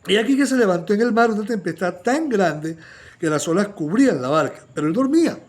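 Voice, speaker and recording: He teaches Bible study with energy, brisk and high-pitched, regularly prompting his audience to agree and voicing quoted lines loudly as if acting them.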